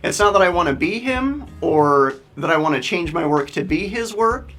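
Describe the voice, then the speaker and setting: A man's voice: high voice, animated, moderate pace, sharp tone, faint music behind. A man, a photographer, talking eagerly and earnestly in an interview confessional.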